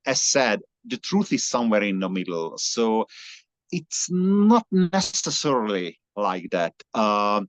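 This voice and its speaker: A Hungarian long-distance cyclist, speaking his native language as an interview guest, has a fairly low, sing-song voice and a slow pace. His conversational talk is earnest, with frequent restarts and fillers. The audio lacks echo but is slightly dull and lo-fi.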